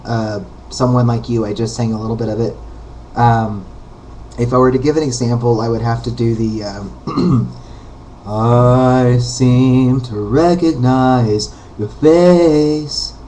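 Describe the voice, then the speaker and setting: Man, baritone, casual webcam vlogger, rambling and candid with lots of fillers; faint noise in the background. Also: darkish tone, rough recording. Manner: rambling and candid, many ums and uhs. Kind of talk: casual talking-to-camera vlog.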